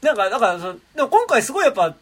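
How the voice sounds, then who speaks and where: A man's voice: very high voice, big pitch swings, rapid-fire. A man chatting casually as a podcast panelist, rambling with many fillers and restarts and laughing asides. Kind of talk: casual chat about a film.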